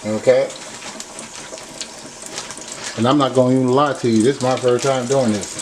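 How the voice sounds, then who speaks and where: A man's voice: mid-range voice, steady tone, moderate pace. A man hosting his own home cooking stream, chatting casually as he fries food in his kitchen. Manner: loose, chatty, tastes food on mic. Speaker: home cooking channel host. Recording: noisy home recording with frying. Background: sizzling frying.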